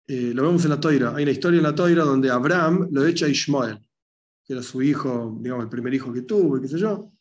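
Animated rabbi teaching a class. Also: male voice, fairly high pitch. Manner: animated storytelling, acting out voices in retold stories. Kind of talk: conversational religious lesson.

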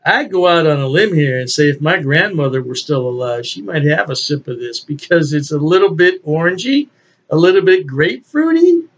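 Sitting at his home-office desk among beer memorabilia, an older man chats casually and folksily through a beer review, sometimes chuckling to himself. His voice is a little high and a bit bright, with lively intonation at a normal speed. The recording, made on a desk webcam, sounds muffled.

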